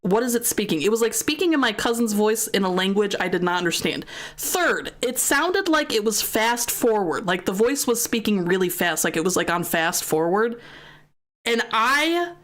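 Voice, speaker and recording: A woman's voice: medium pitch, sing-song, moderate pace, a bit bright. A young American woman streamer casually telling a long story, chatty, with lots of fillers and swearing. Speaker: gaming streamer.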